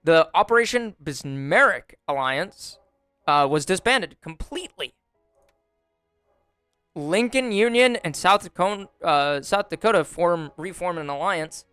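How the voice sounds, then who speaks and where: Young man, gameplay commentator; bright, smooth voice, dry close mic, faint music underneath, wry and unhurried. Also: high voice, no room sound. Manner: relaxed, wry commentary with frequent fillers. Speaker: gaming YouTuber. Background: faint background music.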